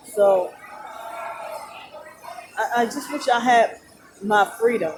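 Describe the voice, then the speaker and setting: A tired, sleep-deprived woman rambles haltingly in a personal vlog, sounding like she is working to stay awake. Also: mid-range voice. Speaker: vlogger. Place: loud indoor shopping mall. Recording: noisy mall ambience behind voice. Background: loud talking and mall noise.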